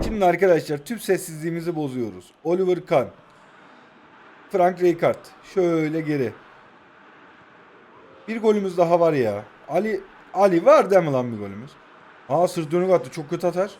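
A man in his twenties giving excited casual commentary while playing a football video game. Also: fairly high pitch. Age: 20s. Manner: excitable, shouts names when attacking. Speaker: mobile football game streamer. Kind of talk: live gameplay commentary.

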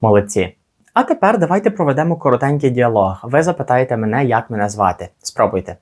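A man teaching children simple English words slowly, encouraging them and pausing so they can repeat. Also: medium pitch, lively intonation. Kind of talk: slow, clear language lesson for kids.

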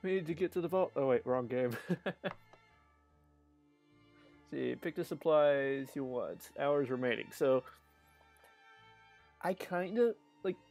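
A man of medium pitch and a darkish tone gives casual commentary on a live game stream. He is chatty and rambling, laughing often and starting sentences over.

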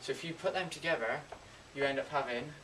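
A young man in his teens giving an informal, halting step-by-step card trick tutorial in amateur magician patter. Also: mid-range voice, music in the background, poor audio. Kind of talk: informal step-by-step demonstration and explanation. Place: indoors at a table and whiteboard.

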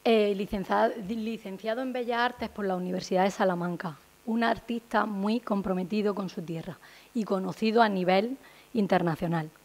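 A woman's voice: medium pitch, normal speed, a little mellow. A woman, giving a semi-formal presentation as a town councillor at a desk microphone. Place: small indoor meeting room. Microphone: gooseneck desk microphone.

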